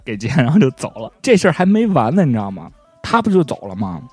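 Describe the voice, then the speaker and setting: A man, co-hosting a podcast and telling an anecdote in a chatty, animated way, often asking "you know?". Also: mid-range voice, fast talker, husky, no room sound, soft background music. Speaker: podcast co-host. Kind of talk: casual storytelling chat.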